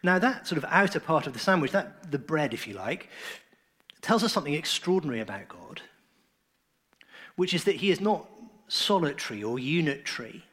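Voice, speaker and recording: A man preaching a sermon in an earnest, emphatic way, his phrases often trailing off softly. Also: a little high, big pitch swings, moderate pace, husky.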